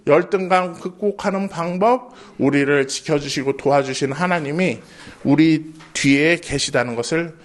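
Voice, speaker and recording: High-voiced, animated young pastor. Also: male voice, normal speed. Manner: animated storytelling with questions to listeners. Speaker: junior pastor. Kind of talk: lively children's sermon.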